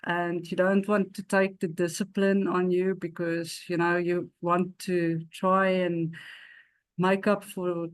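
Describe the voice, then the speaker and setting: Slow, measured woman sharing experience. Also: fairly low pitch, level tone, smooth, no room sound. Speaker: guest. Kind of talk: casual conversational sharing.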